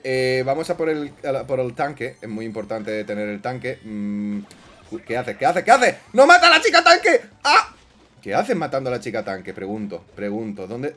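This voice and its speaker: A man giving excitable gameplay commentary, swinging from quiet mumbling to loud outbursts. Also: fairly low pitch, normal speed, soft background music. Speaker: gaming YouTuber.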